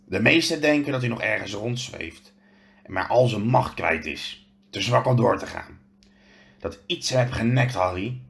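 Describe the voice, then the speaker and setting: A man reading a storybook aloud, voicing a huge, gruff but kindly male half-giant who tells his story with earnest hesitation. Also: fairly low pitch, expressive, a little slow, a bit bright, heavily acted.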